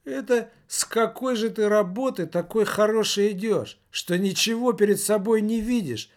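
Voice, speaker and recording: An indignant woman scolds in a pitched-up voice, as a male narrator puts her on. Her tone is sharp and reproachful. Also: moderate pace. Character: indignant middle-aged woman from the group.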